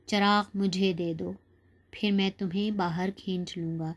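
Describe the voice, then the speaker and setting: A woman's voice: fairly low pitch, steady tone, close to an everyday voice. A woman voicing a scheming male sorcerer who coaxes a boy to hand over a lamp, in a storybook reading. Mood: coaxing. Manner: coaxing.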